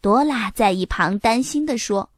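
A woman narrating a children's storybook in a clear, expressive, even manner. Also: fairly high pitch, moderate pace, no room sound, clean studio sound.

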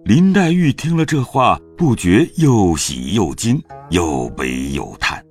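A man narrating a classic novel as an audio drama, in a slow, expressive, dramatic reading. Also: on the low side, faint music behind.

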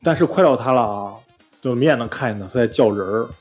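A man co-hosting a casual chat podcast, telling a story with animated mimicry and many restarts. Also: medium pitch, fast talker, slightly rough, faint music behind. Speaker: podcast co-host.

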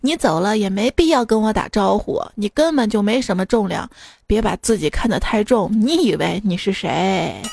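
A woman voicing an unimpressed camel in a comic animal joke, using a lower, flat put-down tone. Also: moderate pace, vocal fry, husky. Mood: dismissive.

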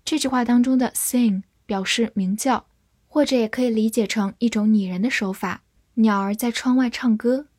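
A woman teaching English vocabulary, spelling each word letter by letter and reading example sentences slowly. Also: on the high side, a little mellow, dry recording, clean studio sound. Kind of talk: slow, careful vocabulary lesson.

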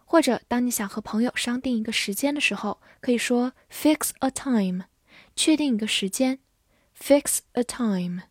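A woman teaching English vocabulary, spelling words letter by letter and modelling slow repetitions. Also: a little high, breathy edge, no room sound, clean studio sound. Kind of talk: vocabulary lesson, spelling and slow read-alouds.

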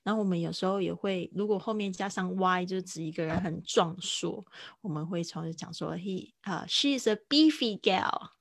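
A woman teaching English words in a casual live-streamed lesson, chatting and repeating each word slowly to model how it sounds. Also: fairly low pitch, fairly even intonation, gravelly, dry recording, studio quality. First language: Mandarin.

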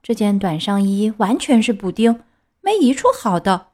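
A woman voicing an excitable, naive wooden puppet boy in a storybook reading, eager and boastful. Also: mid-range voice. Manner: eager, boastful, quick to protest.

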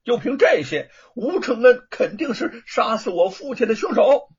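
A male storyteller voicing a vengeful young man in mourning who wails and shouts accusations. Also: extremely high pitch, very animated, moderate pace, breathy edge, highs cut off, voice pushed up, exaggerated voice. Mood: accusing. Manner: loud wailing, accusing shouts.

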